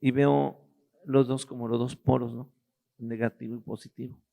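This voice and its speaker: A middle-aged man giving a personal testimony, halting and restarting as he searches for words. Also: mid-range voice, level tone, gravelly, warm tone.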